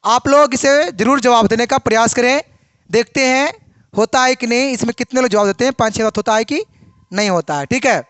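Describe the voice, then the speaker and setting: A woman's voice: a little high, brisk, no room sound. A woman teacher giving a biology lesson, asking the class questions and then answering them herself.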